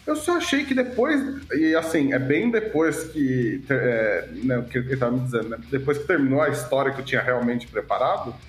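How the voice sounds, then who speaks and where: A man with a Brazilian Portuguese accent telling casual game anecdotes in an animated way, acting out bits of dialogue. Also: mid-range voice, brisk, hardly any pauses. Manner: animated storytelling with quoted dialogue. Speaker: teacher who runs tabletop games. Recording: roomy sound with faint music.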